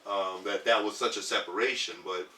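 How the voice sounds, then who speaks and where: A man's voice: lowish voice, steady tone, a little fast, sharp tone, far from the mic. A man in his thirties from Detroit, a podcast guest talking earnestly in casual conversation, rambling with lots of ums and restarts. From Detroit, US Midwest. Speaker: podcast guest, community organizer. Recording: echoey room, off the mic.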